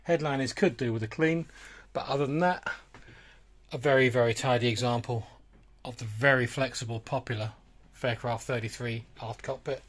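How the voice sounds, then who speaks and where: A man giving a walkthrough tour of a boat for sale as its broker, listing features in brisk short phrases while he films aboard. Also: mid-range voice, fairly even intonation. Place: aboard a small motor boat, cabin and cockpit.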